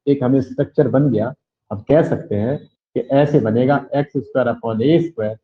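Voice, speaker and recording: High-pitched man teaching maths in echoey room. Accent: western Uttar Pradesh Hindi. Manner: questioning students, repeating key points. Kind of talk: classroom lecture. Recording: echoey, dull lo-fi classroom recording.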